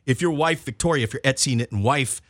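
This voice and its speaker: A man hosting a podcast in a joking, excitable casual chat. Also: medium pitch, fast talker, no echo, clean studio sound. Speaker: podcast host.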